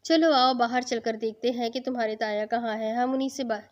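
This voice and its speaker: A woman's voice: fairly high pitch, fairly even intonation, close to an everyday voice. A woman reading a grieving widowed mother who speaks urgently in an audio novel, with a dull lo-fi sound. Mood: pleading. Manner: pleading, urgent.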